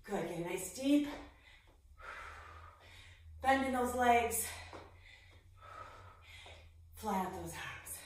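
A woman's voice: medium pitch, lively intonation, drawn-out words, pauses often, heavy reverb, far from the mic, slight background noise. A woman fitness instructor cueing moves and counting reps while she works out, out of breath. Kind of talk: workout instruction.

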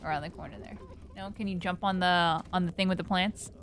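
A woman's voice: on the low side, fairly even intonation, brisk, fairly bright tone, a little hiss or hum. A woman chatting casually while coaching a friend through a video game, in a dry, instructive way. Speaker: co-host guiding the player. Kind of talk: casual let's-play banter.

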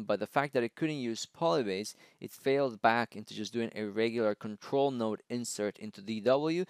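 A man presenting a screen-recorded software tutorial, explaining step by step and often checking in with "right?" and "okay?". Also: fairly low pitch, clean tone, no echo. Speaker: tech presenter.

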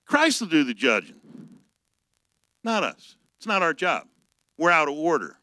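A male pastor giving a conversational sermon, reading scripture slowly and telling personal stories. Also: on the high side, sing-song, sharp tone, no room sound, rough recording.

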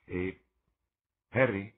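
A man's voice: sits low, very slow, voice pushed up. A man voicing an earnest, melancholy male painter for an audiobook, speaking in a subdued, pleading way. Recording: tinny lo-fi with faint hiss.

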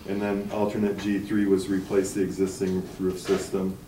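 A man's voice: low voice, normal speed. A man standing in a meeting room, steadily walking a school board through bid items and prices. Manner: steady, explanatory, reads figures aloud. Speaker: architect presenting bids. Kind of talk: formal presentation at a meeting. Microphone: far camera. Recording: echoey room from far off, background hiss.

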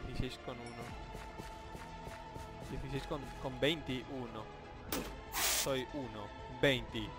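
A young man from Spain with a Spanish accent, giving jokey, excitable commentary over a Minecraft let's play, yelping and shouting when surprised. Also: mid-range voice, slow pace, pauses often. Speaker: gaming YouTuber. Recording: game music playing behind. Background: game music.

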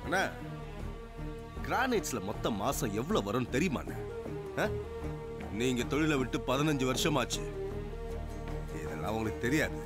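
An actor playing a defiant young gang rival who bluntly challenges an elder. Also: male voice, mid-range voice, sing-song, moderate pace, pauses often, over loud music, close to an everyday voice.

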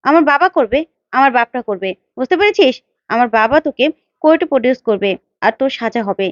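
Woman doing a defiant young heroine: blunt, mocking threats, quick and high. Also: animated, no room sound, muffled recording. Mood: threatening.

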